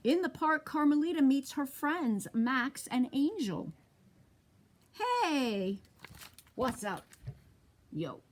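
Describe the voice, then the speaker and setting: A children's librarian reads a picture book aloud at storytime. Her voice is pitched a little high and swings widely up and down, animated and inviting as she pauses to ask the little ones questions.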